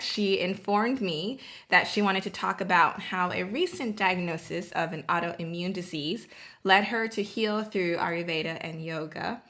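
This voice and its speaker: A woman's voice: on the low side, sharp tone. A woman in her thirties hosting an interview podcast, chatty and friendly with frequent fillers. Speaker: podcast host.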